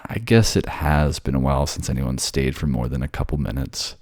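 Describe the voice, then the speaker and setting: Close to a dry studio microphone, a man with a rumbling low, slightly mellow voice plays a bored, sardonic ghost haunting a library in an ASMR roleplay. He talks fairly quickly and animatedly, snarky and conversational, sounding defensive and teasing.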